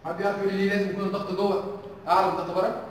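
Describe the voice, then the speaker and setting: A young man with an Egyptian accent races through an engineering tutorial at breakneck speed, his voice sitting fairly high. He keeps quizzing the class as he explains. He is picked up from far off in a big lecture hall, with a long, echoing reverb and faint room hum behind him. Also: level tone, very fast. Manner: quizzes the class with constant questions. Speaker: engineering teaching assistant. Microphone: distant room mic. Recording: echoey hall recorded from far off.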